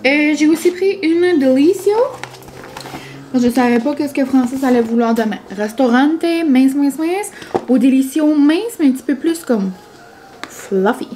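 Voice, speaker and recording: A woman's voice: sits high, normal speed, warm tone, slight background noise. A young woman, chatting casually for her vlog, full of fillers and dropping in English words. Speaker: vlogger. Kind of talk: casual chat.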